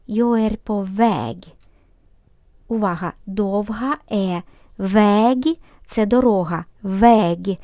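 A woman teaching a language lesson, patiently explaining grammar and repeating example sentences slowly and clearly. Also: mid-range voice, darkish tone, dry recording, clean studio sound.

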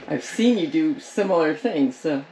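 A woman's voice: deep voice, warm tone, echoey room, poor audio. A woman in casual chat, teasing and laughing often.

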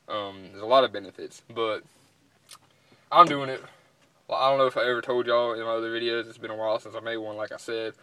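A man's voice: mid-range voice, pushed and bright, dry recording, poor audio. Young man talking around packed dip. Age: young adult. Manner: talking with a lip full of dipping tobacco. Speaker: vlogger and dip reviewer. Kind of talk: casual chat. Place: inside a parked pickup truck cab.

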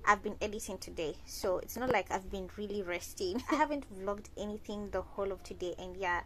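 A young lifestyle vlogger from Kenya, lying in bed with her phone close, chats briskly to viewers she calls "guys." Her voice sits in the mid range, and the rough recording has a slight hiss or hum.

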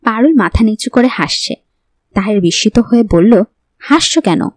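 A woman narrating a horror novel in a calm storytelling voice. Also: medium pitch, normal speed, dry recording. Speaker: audiobook narrator. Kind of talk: storybook narration reading all parts.

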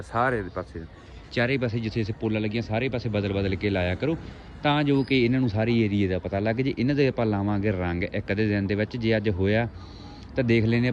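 A man's voice: on the low side, a little mellow. A man chatting informally to viewers like mates in a rustic, casual vlog. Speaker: pigeon-keeping vlogger. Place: outdoors on a rooftop at a home. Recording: noisy outdoor ambience, birds behind. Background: birds and outdoor ambience.

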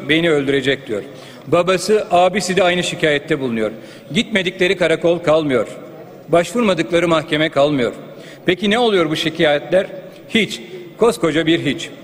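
A man speaks at a rostrum microphone with a slightly high voice, grave and earnest as he delivers a formal speech. His words ring out with a long reverb through a large parliamentary chamber. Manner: earnest, grave, listing figures and names. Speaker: member of parliament.

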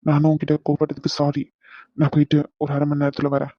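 A man's voice: high-pitched, fast, dry recording, dull audio, close to an everyday voice. A man voicing a stressed young husband in a cartoon, scolding his wife in long rants. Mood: soothing. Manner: scolding rants, softening into comfort. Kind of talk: cartoon voice acting.

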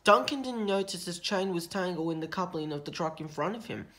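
A woman reading a children's storybook aloud in a steady, expressive way. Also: on the low side, fairly quick.

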